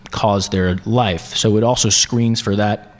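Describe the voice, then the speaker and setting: Lower-voiced doctor explaining in a hall. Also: male voice, fairly even intonation, unhurried. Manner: earnest, explanatory, some fillers. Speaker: physician guest. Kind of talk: expert explanation on radio. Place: reception hall. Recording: long hall reverb from live venue.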